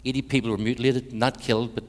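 A man's voice: flat delivery, quick pace. Irish man preaching in reverberant church. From Ireland. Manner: dramatic, swings between loud emphatic peaks and hushed low passages; wry humorous asides. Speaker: guest preacher, minister to Europe. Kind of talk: evangelistic sermon with personal testimony. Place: large church sanctuary. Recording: church hall with long reverb.

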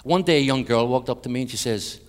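An Irish man preaching an evangelistic sermon with personal testimony in a large church, swinging between loud emphatic peaks and hushed passages, with wry humorous asides. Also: mid-range voice, quick pace. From Ireland. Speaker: guest preacher, minister to Europe. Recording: church hall with long reverb.

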